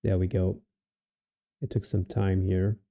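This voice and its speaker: A man from Portugal with a Portuguese accent, giving relaxed live commentary on his trading and thinking aloud with many restarts and fillers. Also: deep voice, a little slow, creaky. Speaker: day trader streaming live.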